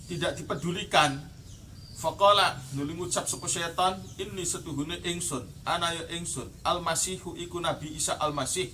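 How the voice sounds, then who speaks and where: A man with a Javanese accent teaches from a classical Islamic text in the traditional pesantren way, reading the Arabic and then glossing it word by word before explaining. His voice sits a little high and comes across bright and ringing. He sounds set back from the microphone, with birds faintly audible in the background. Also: moderate pace, recorded from a distance, slight background noise.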